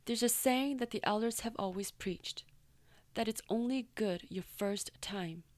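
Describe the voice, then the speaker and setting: A woman's voice: on the high side, measured pace, darkish tone, dry recording. Woman narrating a true story, dry. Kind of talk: first-person story narration.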